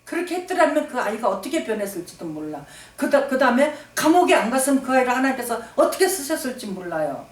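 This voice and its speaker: A woman's voice: a little high, big pitch swings, quick pace, few pauses. A woman pastor preaching emphatically, repeating phrases for stress and calling for amens. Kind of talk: sermon. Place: church sanctuary. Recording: echoey hall, distant mic.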